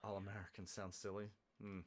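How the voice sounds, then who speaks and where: A man's voice: lowish voice, completely flat delivery, brisk. A man watching a game and chatting with dry, teasing banter and frequent laughs. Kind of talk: casual let's-play chat.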